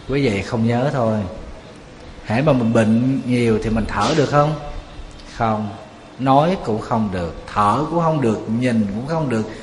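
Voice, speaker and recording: A monk gives a conversational sermon at a mid pitch, often quizzing his audience. His voice reverberates through a large temple hall, with a faint hum of ambience behind. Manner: conversational, asks the audience rhetorical questions. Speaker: Buddhist monk. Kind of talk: Buddhist sermon.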